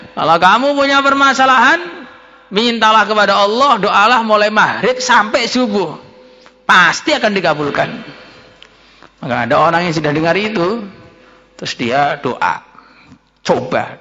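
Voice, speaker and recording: High-voiced male preacher, humorous storyteller. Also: bright, forceful tone. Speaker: preacher teaching from a religious text. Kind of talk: sermon. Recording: reverberant, dull lo-fi sound.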